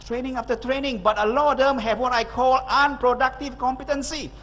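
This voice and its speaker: A man's voice: very high voice, fairly even intonation, a little fast, fairly bright tone, long reverb tail. A middle-aged man giving an emphatic motivational speech to an audience, full of rhetorical questions. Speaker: motivational speaker and consultant. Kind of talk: public speech.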